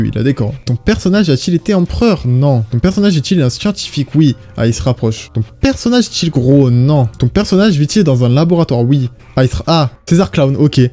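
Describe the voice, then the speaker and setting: A man's voice: mid-range voice, dark tone. A young man casually commenting on a guessing game, reading each question aloud and answering with hesitant fillers. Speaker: YouTuber.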